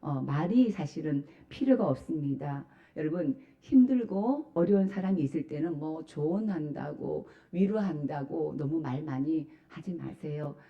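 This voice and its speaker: A woman's voice: low voice, expressive, moderate pace, few pauses, muffled recording. A woman pastor giving a Sunday sermon in a church, putting rhetorical questions to the congregation and preaching with emphasis. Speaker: senior pastor. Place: church sanctuary.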